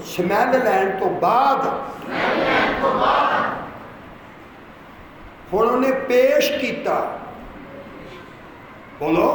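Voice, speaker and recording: A man with a Punjabi accent preaching a Sunday sermon, leading the congregation in call-and-response and urging them to repeat his words aloud. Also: high-pitched. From Punjab, India. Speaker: pastor. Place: church hall. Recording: echoey hall with long reverb and noise.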